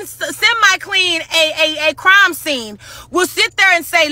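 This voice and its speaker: A woman's voice: sits high, sharp tone, no echo. Breathless woman ranting from her car. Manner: breathless, urgent, conspiratorial. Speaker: social media commentator. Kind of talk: ranting to camera. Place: parked car.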